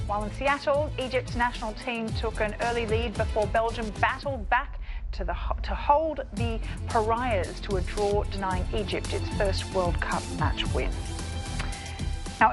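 A woman anchoring a news broadcast, reading a scripted bulletin in a crisp, measured way. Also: medium pitch.

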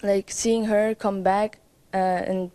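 A woman's voice: medium pitch, level tone, takes it slowly, mellow, smooth. A woman from Hong Kong answering a street interview hesitantly, with many fillers.

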